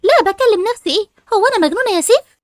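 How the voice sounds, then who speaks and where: A chirpy, upbeat Egyptian teenage girl with a very high voice, voiced by a woman. She speaks very fast, recorded close and dry. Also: expressive, dry recording. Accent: Egyptian Arabic. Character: cheerful, cool-headed teen girl.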